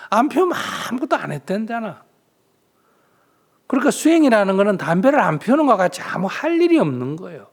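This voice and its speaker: A Buddhist monk speaking gives a dharma talk in a fairly high voice. His pitch swings widely as he throws rhetorical questions at the audience and acts out small exchanges between people. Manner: lively rhetorical questions, acts out little dialogues.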